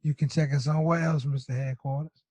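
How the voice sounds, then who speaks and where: A man with a high voice and a New Orleans accent, talking loose and hyped as a podcast co-host. His voice sits close and dry, with no room around it. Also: fairly even intonation, a little fast, a little mellow, slightly rough, dry recording. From New Orleans, USA. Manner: loose, profane, hype. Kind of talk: casual chat. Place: garage.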